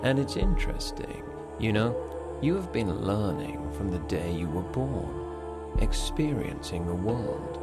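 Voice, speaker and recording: A man guiding a hypnosis session, giving soothing, repetitive suggestions to relax deeper. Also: big pitch swings, unhurried, over loud music.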